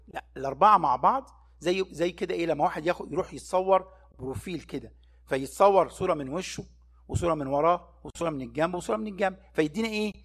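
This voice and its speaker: During a Bible study sermon, a man with an Egyptian Arabic accent asks his audience one rhetorical question after another and answers each himself. His voice is high-pitched and a little rough.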